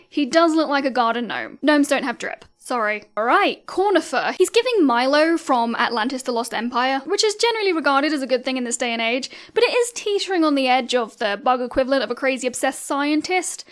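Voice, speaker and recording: A woman hosting a video, giving scripted tier-ranking commentary in a playful, self-mocking, wry way. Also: high voice. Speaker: video host.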